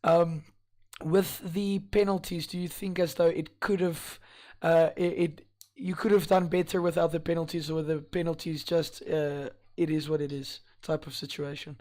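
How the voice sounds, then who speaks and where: A man with a fairly high, wheezy and strained voice works as a live esports commentator. He interviews drivers after the race, feeling his way through questions with many halting pauses. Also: flat delivery, darkish tone.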